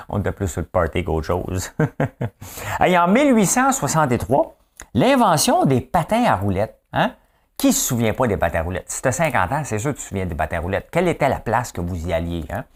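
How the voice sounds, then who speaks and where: A man's voice: mid-range voice, wildly swooping pitch, a little fast. A man in his fifties with a Quebec French accent, hosting a casual, folksy news chat and often asking his listeners questions. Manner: chatty, folksy, keeps asking "hein?". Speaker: host.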